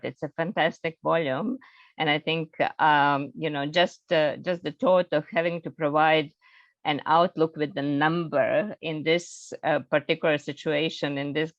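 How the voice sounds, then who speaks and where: A woman's voice: low voice, no room sound. A woman trade economist thanks the panel and speaks with gracious self-deprecation. Her voice comes through a dull, lo-fi video call. The sound is dry and close, with no room around it. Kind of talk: academic panel discussion.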